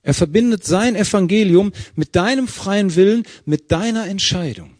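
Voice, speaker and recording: Ein Mann, der lebhaft predigt, einen Bibeltext Vers für Vers auslegt und der Gemeinde Fragen stellt. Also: male voice, sits high, normal speed, dry recording, studio quality. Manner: lively preaching, verse by verse, with questions to the congregation. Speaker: preacher. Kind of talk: sermon.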